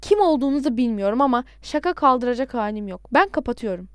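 A woman reading the part of an angry adult man who shouts into a phone, in an audiobook. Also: fairly high pitch, animated, fast talker, clean tone, no room sound, clean studio sound, lightly acted. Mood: indignant. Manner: shouting, indignant.

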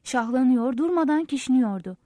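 Steady mellow-voiced woman narrating a novel. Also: sits high, no echo. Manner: steady, measured storytelling. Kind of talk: audiobook narration.

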